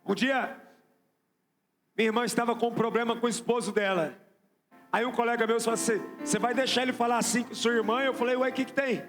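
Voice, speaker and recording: High-voiced Brazilian preacher in echoey hall. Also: male voice, fairly even intonation, fast, fairly bright tone. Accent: Brazilian Portuguese. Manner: emphatic, repeats lines, questions the crowd. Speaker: apostle preaching. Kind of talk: sermon. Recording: echoey church with background music.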